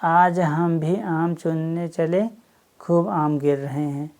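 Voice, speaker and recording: A woman's voice: low-pitched, steady tone, slow pace, a little mellow. A woman reading as an eager village boy.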